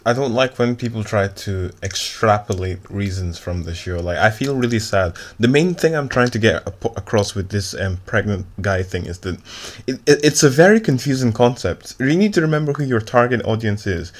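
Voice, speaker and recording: A man's voice: lowish voice, animated, normal speed, few pauses. A man giving an opinionated, emphatic response commentary, often stumbling and repeating words. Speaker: YouTube commentator.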